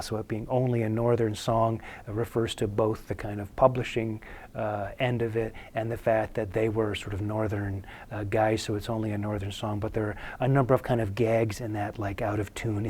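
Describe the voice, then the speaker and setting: A man giving a casual recorded music lecture, relaxed and halting, with many fillers and restarts. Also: on the low side, slight background noise.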